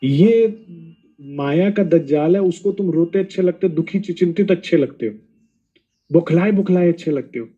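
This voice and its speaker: A male preacher delivers a devotional sermon in a fairly high, mellow voice. He scolds his listeners with pointed rhetorical questions and mocking asides. The recording sounds dull and lo-fi. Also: moderate pace, slightly rough, soft background music. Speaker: spiritual preacher.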